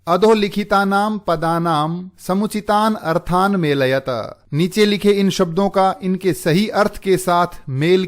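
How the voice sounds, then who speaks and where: Slow, high-voiced man teaching Sanskrit. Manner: slow, deliberate glossing of each word. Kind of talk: Sanskrit lesson with word-by-word Hindi explanation.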